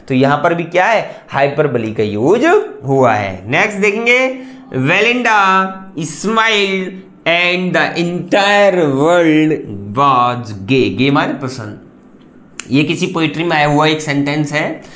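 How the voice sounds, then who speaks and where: A man's voice: a little high, pushed and bright, roomy sound. A man hosting an online English class, explaining in a chatty way with rhetorical questions and lots of repetition. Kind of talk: explaining lesson.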